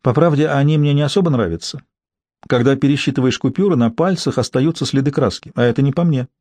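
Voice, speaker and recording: A man's voice: mid-range voice, fast, a little mellow, no room sound, voice pushed up, natural voice. A man voicing a prim, prudish young woman who works as a bank clerk, in an audiobook reading. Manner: prissy and disdainful. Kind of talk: audiobook character voice.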